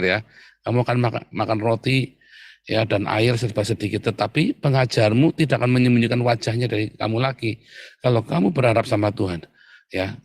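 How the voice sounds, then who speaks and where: A man's voice: medium pitch, no room sound. Conversational male preacher, dry close sound. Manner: conversational, repeatedly addressing listeners as brothers and sisters. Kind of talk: sermon.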